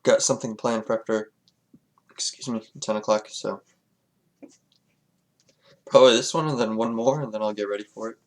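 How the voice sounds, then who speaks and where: A man's voice: on the low side, fairly even intonation, normal speed, pauses often. A man streaming a chess game, thinking aloud in a casual, hesitant, muttering way. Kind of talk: casual live commentary while playing.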